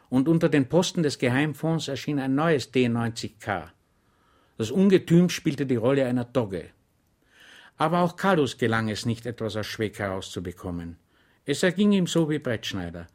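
Man reading an audiobook. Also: medium pitch. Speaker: audiobook narrator. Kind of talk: scripted narration.

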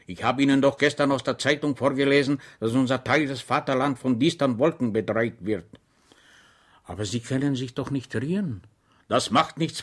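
A man's voice: medium pitch, lightly acted. A man voicing a good-natured, bumbling middle-aged soldier, bedridden with rheumatism, who talks with solemn cheer and bellows war songs.

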